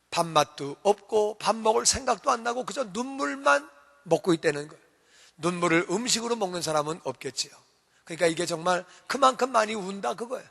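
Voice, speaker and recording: A man's voice: high voice, creaky, fairly bright tone. A male pastor preaching a sermon in a church, emphatic and repeating phrases for stress. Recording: reverberant church hall.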